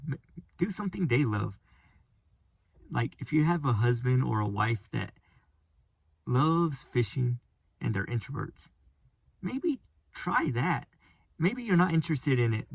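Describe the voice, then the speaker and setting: A man with a gravelly, flat monotone voice talks through a casual solo podcast, rambling and restarting his sentences as he goes. The recording is dry and close, with no room sound. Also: mid-range voice, no room sound. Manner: rambling, halting with frequent restarts. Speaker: podcast host.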